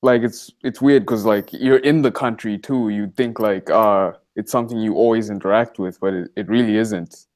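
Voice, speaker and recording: A man's voice: on the low side, normal speed. Eighteen-year-old man on a video call. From Malawi. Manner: relaxed, conversational, many fillers like "like" and "you know". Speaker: interview guest, college student. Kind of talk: casual video-call interview. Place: study room in a college library.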